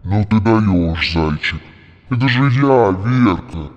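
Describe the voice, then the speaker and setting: A man's voice: lowish voice, expressive, slow pace, long reverb tail, highs cut off. A man voicing a brash, easily offended woman whose voice is neither male nor female, in an audiobook. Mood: brash touchy. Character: brash, touchy woman with odd sexless voice. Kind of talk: audiobook character voice.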